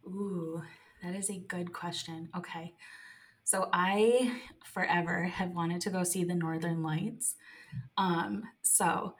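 A woman's voice: lowish voice, steady tone, takes it slowly. A woman in her thirties from New York, chatting on a podcast in a bubbly way and laughing often. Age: 30s. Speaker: podcast co-host. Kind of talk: casual chat.

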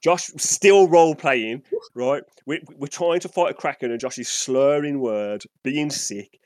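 A man's voice: mid-range voice, measured pace, a little mellow, dry recording. A man co-hosting a gaming podcast, telling a story in a rambling, enthusiastic way. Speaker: podcast co-host. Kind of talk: casual storytelling chat.

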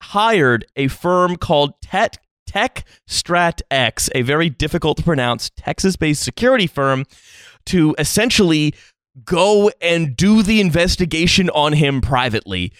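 A man's voice: a little high, animated, unhurried, a bit bright, clean tone, no echo, clean studio sound. A man hosting a casual podcast chat, with a wry, joking delivery. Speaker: podcast host.

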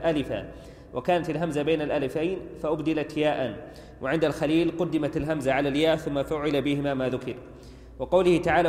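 A man reading a classical commentary aloud for a teacher, in a brisk, even recitation. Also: on the high side, echoey room, long reverb tail. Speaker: student reading the text aloud. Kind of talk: formal reading of a classical text.

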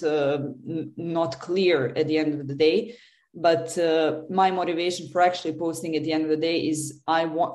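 A woman's voice: deep voice, a little mellow. Woman in a roomy echo. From Serbia. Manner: earnest, many "uh" fillers and restarts. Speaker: guest, business development lead. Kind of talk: podcast interview answers.

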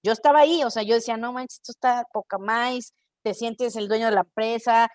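A Mexican woman hosting a podcast, telling a personal story in a casual, expressive monologue and acting out the voices in her head. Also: on the high side, fairly quick, no echo, clean studio sound. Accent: Mexican Spanish. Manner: expressive, animated storytelling with quoted inner voices. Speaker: podcast host.

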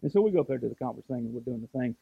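A man's voice: mid-range voice, expressive, racing, vocal fry, breathy edge, no echo, narrow, tinny audio. A man, preaching a storytelling sermon that builds to impassioned. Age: 40s. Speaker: pastor.

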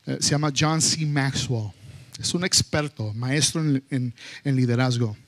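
A man preaching a sermon to his congregation, animated and mixing in English phrases, sometimes acting out loud scoldings of his children. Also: medium pitch, measured pace. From United States. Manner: slips between Spanish and English. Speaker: pastor.

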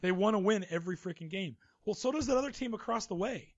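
On a relaxed sports talk show, this co-host chats away, reading news items before launching into his personal takes. He talks fast in an expressive, high-sitting voice, captured on a muffled recording.

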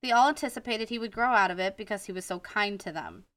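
A woman with a Wisconsin accent co-hosts a casual true-crime podcast, reading the case from her notes, now and then stumbling on names and laughing at herself. She talks fast at a medium pitch with a fairly bright tone. There's no room sound, and she's far from the mic.

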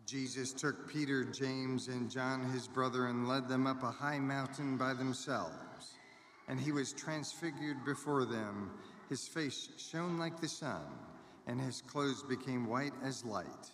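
Male cleric, medium pitch, measured formal scripture proclamation, big echoing church acoustic. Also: a bit bright. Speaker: clergyman reading the Gospel. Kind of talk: liturgical scripture reading. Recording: echoey church, long reverb, background noise.

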